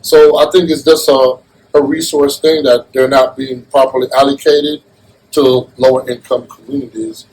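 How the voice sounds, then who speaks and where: A man's voice: medium pitch, flat delivery, moderate pace, darkish tone, poor audio. A man from Jamaica being interviewed, talking in an earnest, casual way and often restarting his phrases. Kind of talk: casual conversation.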